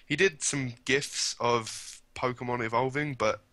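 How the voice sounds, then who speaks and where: Bright-voiced rambling guy. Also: mid-range voice, steady tone, a little slow, no room sound. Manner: rambling, hesitant, easily amused. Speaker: podcast co-host. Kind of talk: casual chat.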